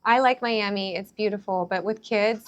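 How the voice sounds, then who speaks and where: A woman co-hosting a relaxed chat. She chimes in with blunt, opinionated asides and short agreeing murmurs. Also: medium pitch, normal speed. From California. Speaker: co-host. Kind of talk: casual chat.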